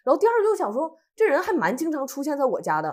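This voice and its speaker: A woman from Northeast China tells a story in quick, tumbling chat. Her pitch sits fairly high and swings widely. She slips into the voices of the people in the story as she goes. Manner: animated, acts out what people said. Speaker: co-host.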